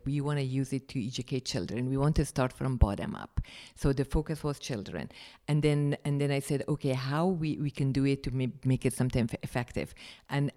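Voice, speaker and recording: A woman in her fifties speaks with a mellow, dark tone. She answers questions earnestly as an NGO founder. She often stops and restarts her sentences. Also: very deep voice. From Afghanistan. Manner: earnest, halting with frequent restarts. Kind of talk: conversational interview answers.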